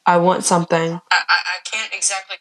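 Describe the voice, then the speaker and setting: A woman hosting a live news stream, halting as she fills time, with her own voice echoing back on a delay from the replayed stream. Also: lowish voice, flat delivery, a bit bright, recorded from a distance, slight background noise. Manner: halting, filling time while waiting. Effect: delayed echo of her own voice replaying from the stream. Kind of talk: live breaking news commentary.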